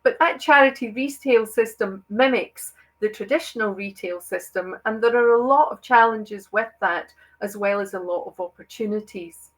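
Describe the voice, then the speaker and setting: A woman researcher speaks at a conference session in an earnest, emphatic way. Her voice sits in a middle register. She leans on key words and often pauses with fillers. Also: mid-range voice, a bit bright, poor audio. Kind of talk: conference presentation. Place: online conference.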